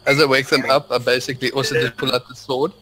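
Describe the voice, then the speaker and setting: A man's voice: mid-range voice, level tone, quick pace, pushed and bright, rough recording. A man playing in a tabletop game, describing his character's actions and laughing often. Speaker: player. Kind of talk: tabletop role-play as a player.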